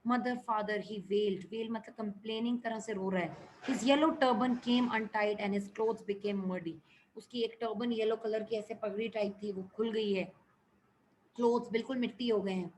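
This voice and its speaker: A woman's voice: medium pitch, a little hiss or hum, rough recording. A woman teacher reading a story aloud in English and explaining it line by line in Hindi. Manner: reads English lines slowly, then explains in Hindi.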